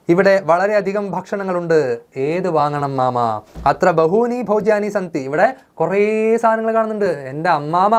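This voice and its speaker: Teacher doing an excited young nephew going on and on about all the food on offer. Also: medium pitch, close to an everyday voice. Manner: excited, rambling lists. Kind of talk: storytelling in a class lesson.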